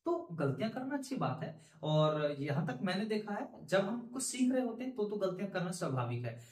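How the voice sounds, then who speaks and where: A male spoken English teacher gives learners an earnest, encouraging lesson, repeating his points with rising emphasis. His voice sits high and sing-song with a darkish tone, at a moderate pace. The room is echoey.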